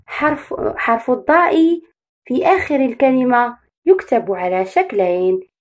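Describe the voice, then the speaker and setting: A woman teaching young children to read, speaking slowly and patiently, breaking words into syllables and having them repeat after her. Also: fairly high pitch, a little mellow. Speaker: kindergarten teacher. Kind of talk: online phonics lesson for young children.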